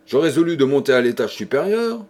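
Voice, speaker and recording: A man reading an audiobook, voicing a brooding, guilt-ridden man who gravely confesses a crime. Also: medium pitch, big pitch swings, brisk, a little mellow. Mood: feverish recounting. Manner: somber, grave.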